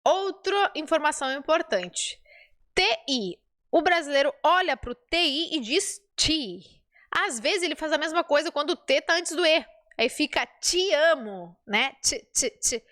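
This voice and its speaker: Woman, southern Brazilian accent, patient language teacher, slightly high voice, unhurried delivery, drills sounds one at a time. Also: animated, fairly bright tone. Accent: southern Brazilian Portuguese. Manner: drills sounds slowly and repeats words for the learner. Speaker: Spanish teacher. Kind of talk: pronunciation lesson.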